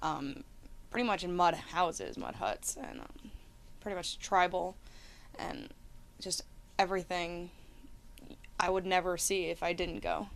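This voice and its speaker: A woman's voice: fairly low pitch, big pitch swings, measured pace, creaky, pauses often. A young woman speaking candidly and casually in an interview. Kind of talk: interview answers.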